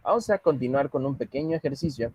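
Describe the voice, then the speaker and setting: Husky-voiced teacher explaining patiently. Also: male voice, mid-range voice, lively intonation, quick pace, darkish tone, low-quality recording. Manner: patient, explains step by step and mixes Spanish with English. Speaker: English teacher. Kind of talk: online English class.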